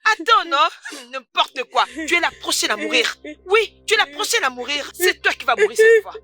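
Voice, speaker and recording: A woman's voice: high-pitched, animated, normal speed, sharp tone, soft background music. A woman playing a spiteful young woman who mocks and threatens with scorn, in a dubbed film drama. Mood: threatening. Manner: mocking, scornful taunts. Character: spiteful young woman, cruel taunting bully.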